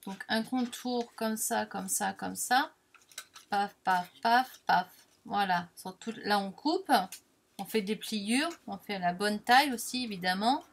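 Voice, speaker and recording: A woman's voice: mid-range voice, measured pace, gravelly, slight background noise. A woman chatting casually while demonstrating a paper craft, self-deprecating and full of little filler words. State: has the hiccups. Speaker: crafting vlogger.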